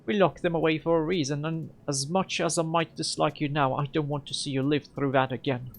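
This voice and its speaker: A man reading a game aloud and voicing a nervous, defensive male hacker in a higher, strained voice. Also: steady tone, a little fast, gravelly. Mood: sad.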